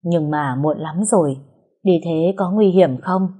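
A woman's voice: fairly low pitch, unhurried, mellow, breathy edge. A woman voicing an anxious, caring older aunt who fusses over her niece. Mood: worried. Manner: fretful, fussing.

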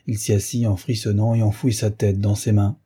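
A man giving a grave, measured narration of a novel as an audiobook. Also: on the low side, little pitch movement, mellow, breathy edge. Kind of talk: scripted narration.

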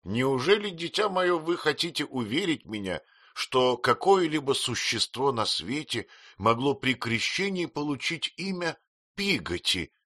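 A man's voice: mid-range voice, very animated, a little slow, bright, forceful tone, no room sound, clean studio sound, voice pushed up. A man voicing a stern, commanding elderly aunt who speaks sharply and impatiently.

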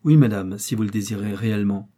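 A man's voice: on the low side, fast, warm tone, lightly acted. Man doing an oratorical defense lawyer. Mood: flustered. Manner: oratorical, persuasive, impatient. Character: smooth courtroom defense lawyer.

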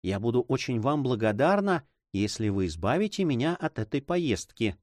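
A man's voice: mid-range voice, sing-song, moderate pace, darkish tone, no room sound, clean studio sound, natural voice. A man voicing a sad, stubborn young woman who pleads in a plaintive tone. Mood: pleading.

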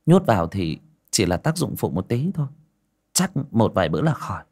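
A man voicing a calm young woman exorcist who speaks in a low, matter-of-fact way. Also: a little fast, breathy edge, full character voice.

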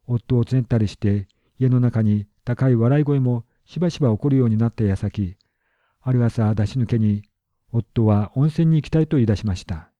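A man narrating a literary story as an audiobook, reading calmly and evenly and lightly voicing the wife and husband. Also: mid-range voice, no room sound, muffled recording.

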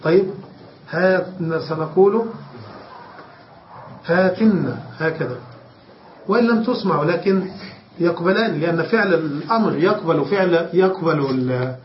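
A man teaching Arabic grammar as a sheikh, explaining step by step, drawing out key words and often checking that the class has understood. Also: high voice. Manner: stretches key words slowly for emphasis. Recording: distant, echoey, dull lo-fi room recording with faint hiss.

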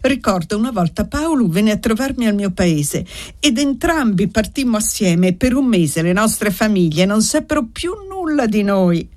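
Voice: medium pitch, lively intonation, moderate pace, a little mellow, voice pushed up, close to an everyday voice. A reader voicing a jovial, carefree guest who tells boastful stories of his youth in an audiobook. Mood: reminiscing. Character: jovial poor guest, carefree old friend. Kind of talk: audiobook reading.

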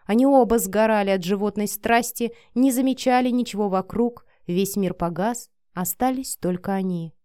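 Woman, audiobook narrator, erotic story, soft sensual reading, dry close sound. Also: mid-range voice, normal speed, few pauses, smooth, no echo.

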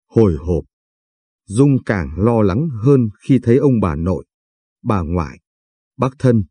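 A man reading a sad story aloud as a narrator, slow, measured and somber. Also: on the low side, warm tone, slightly rough, dry recording.

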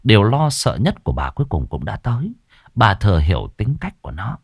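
A man narrating a dark story in a vivid, emphatic storytelling style. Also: fairly low pitch, huge pitch swings, fairly quick, gravelly, husky, dry recording, studio quality. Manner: vivid, emphatic, rising with the action. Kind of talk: dramatic horror-story narration.

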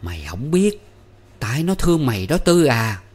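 A man voicing a sharp-tongued, scolding middle-aged village mother who nags her grown son. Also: medium pitch, sing-song, moderate pace, breathy edge, pitched above the performer's own voice. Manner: nagging, scolding.

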